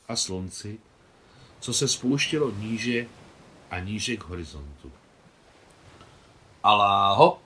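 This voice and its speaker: A man reading his translation of a novel aloud, in a measured, expressive way. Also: fairly low pitch. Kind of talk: audiobook reading.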